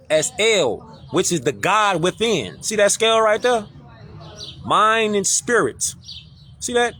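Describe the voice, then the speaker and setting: Casual host, high animated voice, preachy and slangy. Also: male voice, slight background noise. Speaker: social media commentator. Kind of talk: casual live-stream talk, reading definitions aloud.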